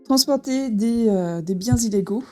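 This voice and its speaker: A woman's voice: fairly high pitch, measured pace, darkish tone, soft background music. A woman casually presenting a board game as she unboxes it, with frequent fillers and restarts. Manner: hesitant, many fillers and restarts.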